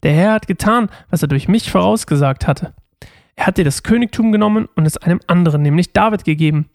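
A man's voice: sits high, fast talker, gravelly, no echo, studio quality. Man reading as the stern ghost of an old prophet.

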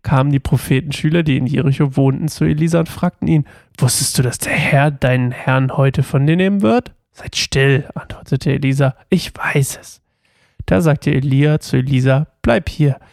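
A man's voice: medium pitch, normal speed, gravelly, darkish tone, no echo, studio quality. A man reading a Bible passage aloud and then commenting on it in a loose, casual way, with small slips and restarts. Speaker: Bible reading podcast host.

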